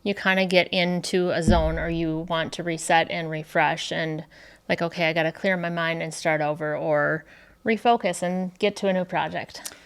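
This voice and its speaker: A woman's voice: lowish voice, steady tone, moderate pace, creaky, clean tone. A woman hosting a casual interview, upbeat and encouraging. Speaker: podcast host.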